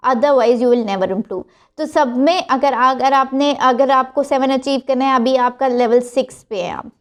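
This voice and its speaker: Slow Pakistani woman tutor, code-switching. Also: a little high. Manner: mixes Hindi-Urdu with English phrases, many fillers. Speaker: IELTS tutor. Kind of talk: teaching to camera.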